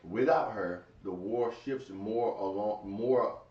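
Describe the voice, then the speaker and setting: A man's voice: fairly low pitch, slow. A man co-hosting a casual podcast debate, arguing his points earnestly and restarting phrases as he goes. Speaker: podcast co-host. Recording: roomy, distant, dull sound with crowd behind.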